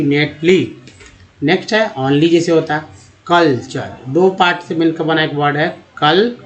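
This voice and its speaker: A man teaching a spelling lesson, sounding out letters slowly, repeating words and calling his viewers friends. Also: on the high side, fairly bright tone, low-quality recording.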